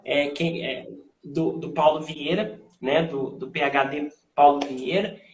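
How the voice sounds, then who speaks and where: A man, a lawyer speaking as a guest on a live online interview over a video call. He talks in a measured, reflective way. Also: on the high side, fairly even intonation, echoey room, slight background noise. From raised in Minas Gerais, Brazil.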